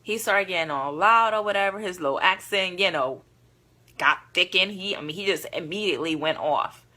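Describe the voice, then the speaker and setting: A woman vlogger casually telling a dating story to her viewers, candid, animated and full of profanity. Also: lowish voice, moderate pace.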